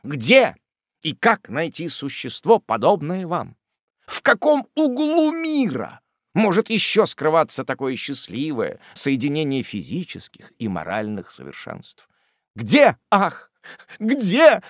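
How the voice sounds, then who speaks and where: A man voicing an ardent, gushing middle-aged suitor who declaims with effusive, drawn-out exclamations, in a storybook reading. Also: medium pitch, sing-song, a bit bright, slightly rough, dry recording, studio quality, exaggerated voice.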